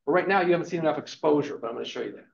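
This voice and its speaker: A man's voice: a little high, rapid-fire, gravelly. Emphatic man in his fifties teaching a class. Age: 50s. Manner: emphatic, motivational, peppers talk with "okay". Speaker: real estate instructor. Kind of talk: live class lecture. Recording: echoey room, dull lo-fi sound.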